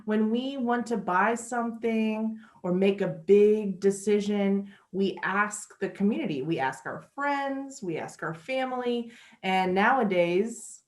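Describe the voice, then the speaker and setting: A woman teaching English in a patient, chatty way during an online lesson. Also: mid-range voice. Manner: slow, patient, chatty with light laughs. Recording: echoey room.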